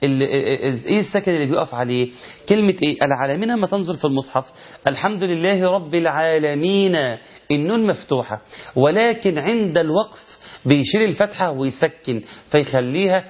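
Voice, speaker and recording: A man with an Egyptian Arabic accent teaching a tajweed lesson, asking rhetorical questions and chanting verse examples slowly. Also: on the high side, expressive, muffled recording. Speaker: Quran recitation teacher.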